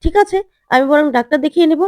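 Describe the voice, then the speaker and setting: A woman's voice: high voice, very fast, darkish tone, dry recording, voice pushed up, close to an everyday voice. A woman voicing a playful, complaining older father figure in a retold serial.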